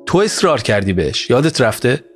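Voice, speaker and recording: A man's voice: fairly low pitch, close to an everyday voice. A man voicing an angry, bitter middle-aged woman in an audio story, accusing and cutting, over music. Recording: music bed behind voice.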